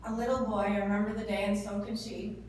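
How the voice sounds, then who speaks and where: A Canadian woman in her thirties gives a prepared motivational speech to a live audience, speaking earnestly and emphatically in short, deliberate phrases. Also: medium pitch, level tone, a little mellow. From northern Ontario, Canada. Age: 30s. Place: indoor event room before an audience. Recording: echoey room, distant mic, clear background noise.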